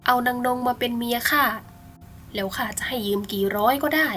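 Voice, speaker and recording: A woman voicing a greedy, sneering rich old man from the village in a bedtime storybook, who talks slowly and smugly. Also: a little high, a bit bright, slight background noise, natural voice. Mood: coldly scheming. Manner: mocking, slow and smug.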